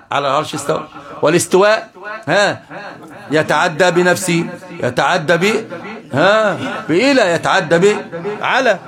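A man with an Egyptian Arabic accent giving a heated religious lecture, mocking opponents with rhetorical questions. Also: high-pitched. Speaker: Islamic preacher.

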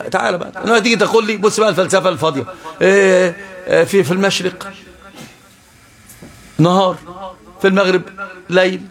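A man's voice: high-pitched, fairly bright tone. A man with an Egyptian Arabic accent giving a heated religious lecture, mocking opponents with rhetorical questions. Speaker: Islamic preacher.

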